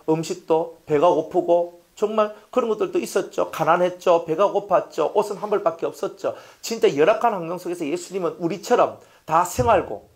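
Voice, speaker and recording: A man pastor preaching a sermon, emphatic and repetitive, asking the congregation rhetorical questions and dropping from loud appeals to near-whispers. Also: sits high.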